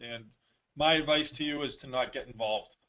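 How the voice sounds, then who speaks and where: On a rough recording, a man with a mid-range, pushed and bright voice speaks at normal speed. He runs a dealer network conference call, fielding questions and offering advice informally. His style is blunt and colloquial, and he repeats points to drive them home.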